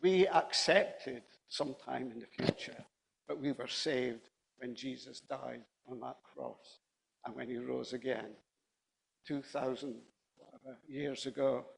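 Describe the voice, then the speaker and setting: A man's voice: medium pitch, takes it slowly, creaky, slightly rough, rough recording. A man preaching a sermon in a conversational, anecdotal way, often repeating and rephrasing himself.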